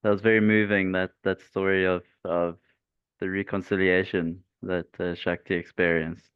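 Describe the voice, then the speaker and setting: A male host in a conversational interview, talking in a halting way as he searches for his words. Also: low voice, flat delivery, smooth, no echo. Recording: dry, phone-like call audio.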